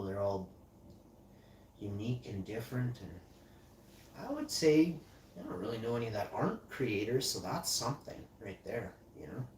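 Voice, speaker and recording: Recorded from a distance in an echoey room with a faint hiss, a livestream host with Icelandic and German parents speaks in a mid-range, slightly mellow voice. His casual chat wanders: he stumbles through reading text aloud and muses loosely in between.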